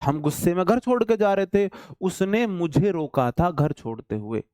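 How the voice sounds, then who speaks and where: A man's voice: sits high, lively intonation, normal speed, dark tone, no echo, clean studio sound. A man with a Hindi accent teaching an online English class, chatty and teasing his students. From India.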